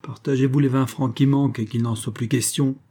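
A man's voice: mid-range voice, fairly even intonation, fairly quick, lightly acted. A man voicing a scornful male army officer who mocks a stranger, in a storybook reading. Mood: dismissive. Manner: sneering, loud and scornful. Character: sneering male army officer, mocking and dismissive.

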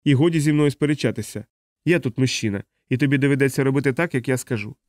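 A man's voice: medium pitch, fast talker, a little mellow, dry recording, clean studio sound, natural voice. A man voicing an insistent young man, lovestruck and bossy, who keeps laying down orders in exasperation.

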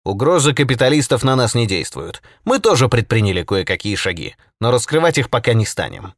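A man voicing a calm, measured male socialist leader. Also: medium pitch, no echo, studio quality. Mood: composed.

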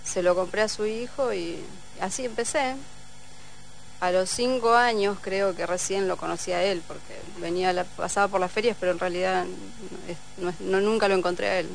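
Argentine woman, radio guest, gravelly voice, hesitant casual storytelling, faint mains hum. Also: mid-range voice, fairly even intonation, moderate pace, rough recording. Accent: Argentine Spanish. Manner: hesitant, tells her story with self-corrections. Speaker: studio guest.

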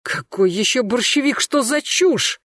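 A reader voicing an agitated male suspect who shouts and protests his innocence under interrogation. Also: medium pitch, animated, a little slow, dry recording, studio quality, pitched above the performer's own voice. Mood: indignant shouting. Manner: shouting, indignant, defensive. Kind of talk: audiobook character voice.

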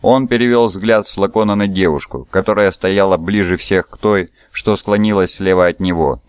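Male audiobook narrator, steady storytelling, low voice, dry close mic. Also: moderate pace, clean tone, no room sound. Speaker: audiobook reader. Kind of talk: scripted narration.

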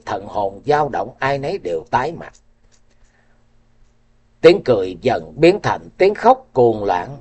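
A man's voice: mid-range voice, dark tone. Man narrating a martial arts novel. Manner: dramatic storytelling.

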